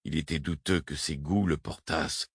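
A man calmly reading a novel aloud as its narrator, measured and even. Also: rumbling low, husky, no room sound, clean studio sound. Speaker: audiobook narrator. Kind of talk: scripted narration.

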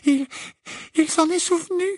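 A man's voice: very high-pitched, steady tone, moderate pace, no echo, clean studio sound, voice pushed up. A man voicing a frightened, clever teenage girl who stammers and sounds breathless, in an audiobook. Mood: terrified.

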